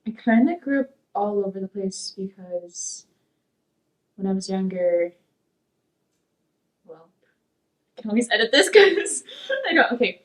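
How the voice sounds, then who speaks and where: Young woman interviewee, rambling and unsure, mid pitch, slightly off-mic in a dark studio. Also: lively intonation, unhurried, long pauses, recorded from a distance, poor audio. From Peru, raised in Sacramento. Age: young adult. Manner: rambling, hesitant, many fillers. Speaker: interviewee, community college student. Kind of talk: oral history interview.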